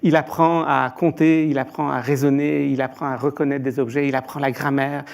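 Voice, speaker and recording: A man's voice: mid-range voice, flat delivery, a little fast, creaky. A man from Iran answering as an expert panelist, hesitant, with frequent filler sounds and restarts.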